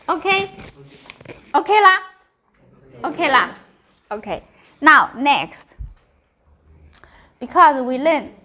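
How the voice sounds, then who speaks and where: High, bright-voiced Chinese woman teaching. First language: Mandarin Chinese. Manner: short simple phrases, repeats, checks understanding. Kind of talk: language lesson, drilling and explaining.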